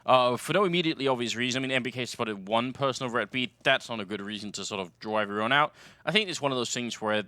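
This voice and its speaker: A man commentating an esports match, relaxed and analytical, often chuckling between calls. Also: medium pitch, fast, hardly any pauses, dry recording. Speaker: esports caster. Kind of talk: play-by-play commentary.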